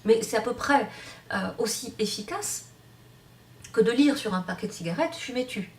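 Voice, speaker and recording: A woman's voice: fairly high pitch, expressive, normal speed, distant mic. A woman teaching a hypnosis course, explaining off the cuff with many fillers and restarts. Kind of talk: online lecture. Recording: roomy sound from off-mic.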